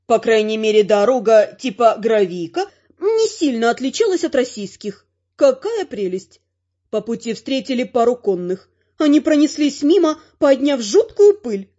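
A woman with a high voice reads a first-person fantasy audiobook with a wry, ironic edge. The recording sounds somewhat dull and lo-fi. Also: lively intonation, moderate pace, mellow. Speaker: audiobook narrator.

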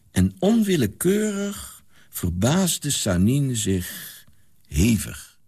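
Male reader, low husky voice with gravel, lively classic-novel narration. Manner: expressive, animated storytelling. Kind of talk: dramatic reading of a classic novel.

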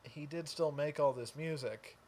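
Brief: relaxed male co-host, casual recap chat, slightly high voice. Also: normal speed. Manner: laid-back, repeats words as he restarts. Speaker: podcast co-host.

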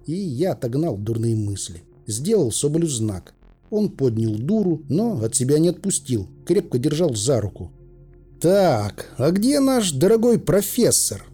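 A man reads an adventure audiobook in a dark, husky voice with a lively, rising and falling pitch. His telling is weary and dryly ironic, and faint music plays beneath him. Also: normal speed. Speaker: audiobook narrator. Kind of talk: audiobook narration with character voices.

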